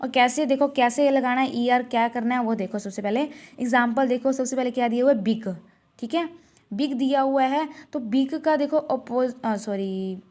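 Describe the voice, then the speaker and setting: A woman teacher explaining English grammar to students, asking and answering her own questions over and over, and slowly drawing out example sentences. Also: high-pitched, darkish tone. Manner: repetitive question-and-answer drilling, calls students 'beta'; slow, drawn-out reading of example sentences. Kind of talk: classroom grammar lesson.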